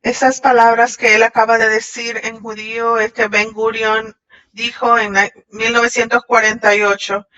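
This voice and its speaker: A woman voicing a Shabbat message in translation, halting at times and restarting. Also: fairly high pitch, little pitch movement, bright, forceful tone. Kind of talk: translated sermon voice-over. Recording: dull lo-fi audio.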